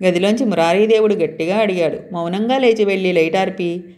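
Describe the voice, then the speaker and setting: Woman calmly reading a story. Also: mid-range voice, brisk.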